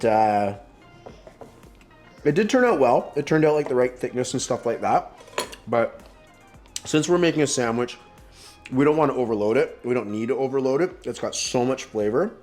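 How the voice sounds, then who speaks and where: A man's voice: mid-range voice, a little mellow. A man casually demonstrating a recipe at home, rambling and enthusiastic with plenty of fillers. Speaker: home cook. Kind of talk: casual cooking demo.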